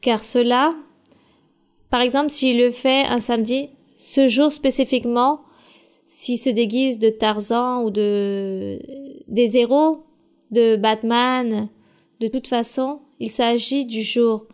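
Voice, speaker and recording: A woman leading a Bible study answers questions in a calm, direct way. Her voice sits a little high, and she explains things plainly and firmly, like a teacher. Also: slow, clear, resonant tone. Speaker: church leader answering questions.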